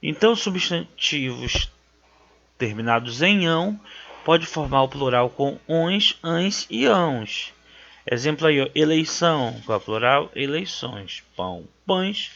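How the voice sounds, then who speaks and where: A man's voice: fairly high pitch, lively intonation, a little slow, vocal fry, a bit bright. A man from Brazil teaching a grammar lesson for an exam, emphatic and checking in with "certo?" as he repeats key words. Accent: Brazilian Portuguese. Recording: dull lo-fi sound.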